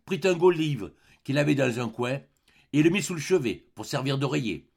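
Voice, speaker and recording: A man narrating a classic novel as an audiobook in an expressive, dramatic reading style. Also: mid-range voice, creaky. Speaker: volunteer audiobook reader.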